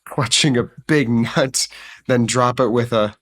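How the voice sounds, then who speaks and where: A man reading a picture book aloud on a casual stream, relaxed and jokey, with swearing asides. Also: medium pitch, a little slow.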